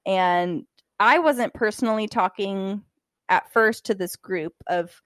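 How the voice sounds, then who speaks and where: A young woman co-hosts a casual podcast, talking in an animated way full of "like" and fillers. Her pitch sits in the middle of the range. The recording is dry and close. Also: slow, no echo. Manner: animated, filler-heavy, lots of "like". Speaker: podcast co-host.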